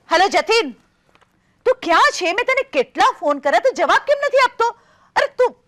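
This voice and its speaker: An emotional middle-aged woman in a stage drama, her voice high and swinging widely as she speaks. She stumbles and hesitates over her words, then presses hard and insistently, caught between fond longing and stubborn resolve. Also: a bit bright, full character voice. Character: emotional middle-aged woman, newly separated after twenty years of marriage. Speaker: stage actress. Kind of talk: stage play acting.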